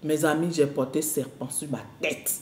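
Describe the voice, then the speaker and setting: A woman preacher giving a lively, repetitive spoken testimony to a congregation, full of exclamations. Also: sits low, normal speed, roomy sound, a little hiss or hum. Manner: animated, repetitive, storytelling with exclamations.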